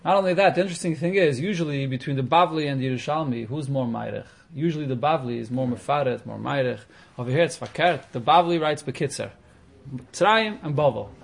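A man's voice: mid-range voice, quick pace, creaky, a little hiss or hum. A man explaining religious texts in an informal lesson, posing questions and answering them as he goes. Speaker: teacher of a Talmud class.

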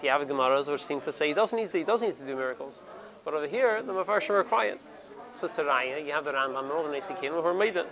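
A man gives a Torah lesson in a gravelly, somewhat high voice, stumbling and repeating words as he explains texts. The recording is dull and lo-fi, with a loud crowd heard behind him outdoors. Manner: halting, repeats words, mixes Hebrew terms into English. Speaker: Torah teacher. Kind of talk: Talmudic study lesson. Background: crowd noise.

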